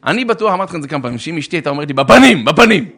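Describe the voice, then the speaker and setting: With a voice that runs a little high, a man acts out marital disputes from both sides in a spirited religious talk on relationships. He shouts in bursts and keeps addressing his listeners fondly as brother.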